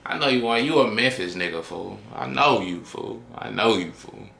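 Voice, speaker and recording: A man's voice: on the low side, animated, moderate pace, gravelly, fairly bright tone, reverberant, slight background noise. A man hosting a reaction video, talking in loose slangy chat that trails off into a mutter at the ends of lines. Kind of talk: casual reaction commentary.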